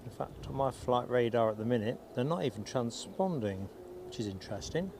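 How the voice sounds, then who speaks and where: A man's voice: medium pitch, lively intonation, fairly quick. A man hosting a live stream outdoors near an airport, chatting casually and reading out viewer comments. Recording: outdoor stream with clear background noise. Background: outdoor ambience and passing vehicles.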